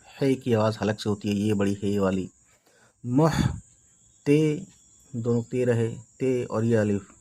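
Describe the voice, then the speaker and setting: A man's voice: mid-range voice, a little mellow. A man teaching beginners to read, spelling each word letter by letter and reassuring often that it is easy. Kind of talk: slow spelled-out reading lesson.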